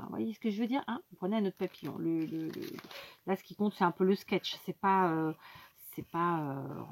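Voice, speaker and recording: A woman's voice: fairly low pitch, a little mellow, slightly rough. Chatty woman hosting a craft tutorial. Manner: chatty, explains while working, many fillers and asides; talks directly to viewers.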